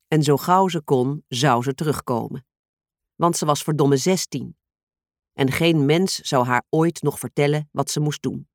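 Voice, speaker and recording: A man narrating a novel in a steady, measured storytelling read. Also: mid-range voice, dry recording, studio quality. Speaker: audiobook narrator. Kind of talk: scripted narration.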